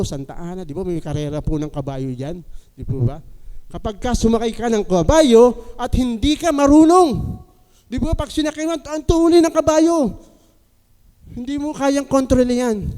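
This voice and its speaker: A man preaches a sermon, his voice high yet resonant and warm. He keeps drawing the congregation in with polite questions, and a long church hall reverb trails behind every phrase. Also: clear, resonant tone. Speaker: pastor. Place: church sanctuary.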